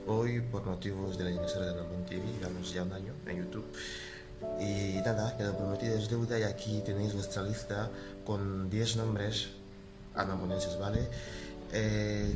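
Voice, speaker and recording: A man from Equatorial Guinea hosting a casual vlog. He chats with viewers, keeps asking "¿vale?", and says names slowly, repeating each one. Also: low voice, flat delivery. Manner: chatty, keeps checking in with "¿vale?". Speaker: YouTube channel host. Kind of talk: casual vlog, teaching name translations. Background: loud music.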